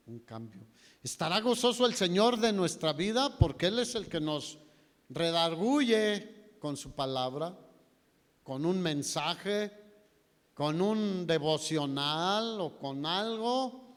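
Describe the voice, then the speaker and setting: A man's voice: high-pitched, long reverb tail. A man with a Mexican Spanish accent preaching a sermon, telling the story dramatically, his voice swinging from raised to nearly whispered. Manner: dramatic storytelling, voice rising and dropping to near whispers. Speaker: pastor. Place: church hall.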